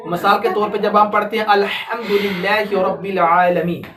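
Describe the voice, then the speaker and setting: A woman's voice: medium pitch, normal speed, a crowd in the background. A woman teaching Quran recitation to a child, patient and repetitive, stretching out sounds to demonstrate them. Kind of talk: tajweed lesson with a child pupil. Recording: distant mic with steady background noise.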